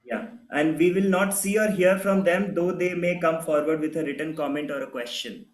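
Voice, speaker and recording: An actor playing a hesitant man in his twenties from Lucknow who speaks haltingly with many fillers. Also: a little high, echoey room, lightly acted, low-quality recording. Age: 20s. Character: hesitant young man in a support group.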